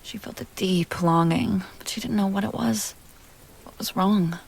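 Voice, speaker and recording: A woman plays an undying vampire heiress for intimate ASMR, speaking in a husky, breathy, medium-pitched voice that frequently sinks to a whisper with a touch of vocal fry. Her tone stays steady as she coaxes slowly, moving between teasing, tenderness and wistfulness, and the mood here is nostalgic and tender.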